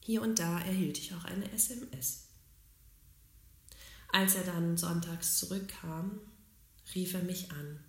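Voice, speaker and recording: A woman calmly and earnestly telling her own life story in a reflective way. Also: fairly low pitch, slow, pauses often. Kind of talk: personal storytelling. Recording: roomy, echoey recording.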